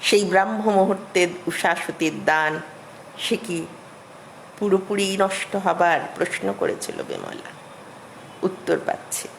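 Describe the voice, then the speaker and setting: A middle-aged woman giving an academic lecture as a literature professor, measured and explanatory, with emphatic rises. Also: fairly low pitch, gravelly, slight background noise, poor audio.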